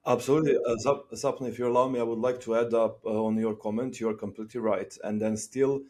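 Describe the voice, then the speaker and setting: Man from Serbia, mellow voice. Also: medium pitch, steady tone. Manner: measured, thinking aloud with fillers and restarts. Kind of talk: casual conversation.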